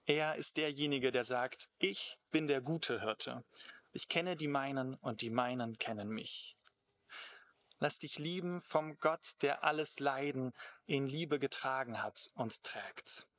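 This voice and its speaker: A man acting as pastor, reading a Bible passage aloud and then preaching a sermon in a measured, emphatic way with slow stresses. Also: mid-range voice, a bit bright.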